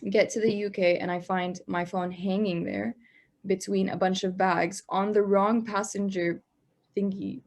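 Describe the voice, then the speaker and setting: A young woman from Palestine, a law student, giving an interview. She tells a story with animated, acted-out dialogue for both sides. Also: mid-range voice, unhurried. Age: young adult.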